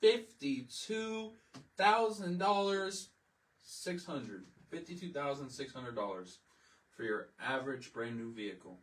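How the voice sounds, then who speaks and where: A man hosts a livestream in a heated, emotional rant, hammering the same phrases again and again and swearing freely. His voice sits at an ordinary pitch for a man. The voice is picked up from a little way back from the microphone. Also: moderate pace, a bit bright, far from the mic, low-quality recording. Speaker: livestream host. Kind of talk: impassioned political livestream rant.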